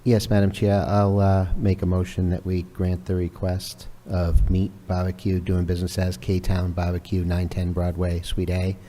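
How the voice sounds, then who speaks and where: A man's voice: low-pitched, completely flat delivery, normal speed, few pauses, dark tone. A man on a town board, formally reading out a motion. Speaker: board member. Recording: faint room noise.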